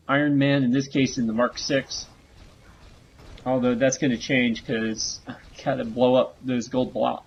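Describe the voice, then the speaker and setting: A man giving casual gameplay commentary, relaxed and rambling with frequent fillers. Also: medium pitch. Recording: dull lo-fi recording.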